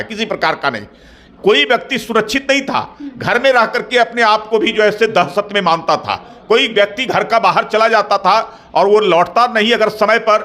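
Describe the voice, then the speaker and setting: A middle-aged man, speaking as a party spokesperson in a formal interview, measured and repetitive, building into firm claims. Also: sits high, bright, forceful tone. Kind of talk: formal political interview answers.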